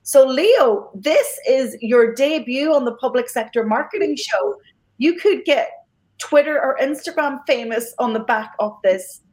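A woman's voice: high voice, unhurried, darkish tone, poor audio. A woman hosting a podcast, talking casually and giving thanks with many fillers and restarts. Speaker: podcast host.

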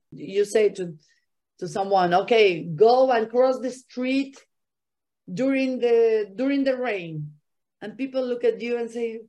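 A podcast guest from Argentina, a woman whose first language is Spanish, speaks earnest English with an Argentine accent. Her voice is fairly high and warm.

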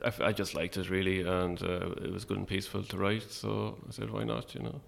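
A man with an Irish midlands accent talking casually and a little hesitantly as an interview guest, in a low-key, wry way. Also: level tone, a little fast, creaky. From Longford, Irish midlands.

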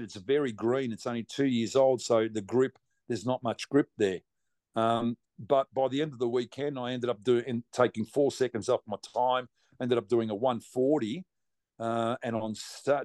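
A man's voice: mid-range voice, dry recording. Male, Australian, racing driver guest. Casual, slangy, blunt chat with a mid-range voice.

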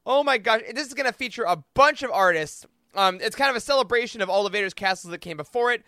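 A man hosting a casual podcast chat, talking in an excitable, gushing way. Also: high-pitched, quick pace, no room sound, studio quality. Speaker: podcast host.

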